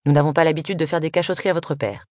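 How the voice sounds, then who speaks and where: A woman's voice: sits low, steady tone, rapid-fire, a little mellow, dry recording, studio quality, voice pushed up, close to an everyday voice. A woman reading aloud and voicing a strict mother who scolds her daughters in a clipped, reproachful way. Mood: weary firm.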